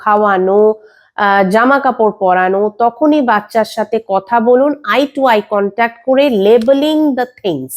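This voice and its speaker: A woman with a Bengali accent talks parents through common questions about children's speech, steady and instructive, slipping English terms into her talk. Her voice sits high and light throughout. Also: takes it slowly. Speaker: speech language pathologist. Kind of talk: explaining to parents on a video channel.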